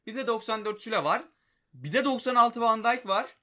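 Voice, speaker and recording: A young man with a high, bright voice commentates live as he plays a mobile game. He keeps begging the game and groans at it in exasperation, talking straight to it. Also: expressive, normal speed. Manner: pleading, exasperated, talks to the game.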